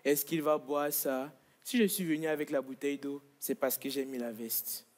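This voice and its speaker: A man's voice: fairly high pitch, steady tone, moderate pace, very noisy. A man from Congo performing stand-up comedy on a stage, with a playful, boastful delivery. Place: comedy stage with live audience.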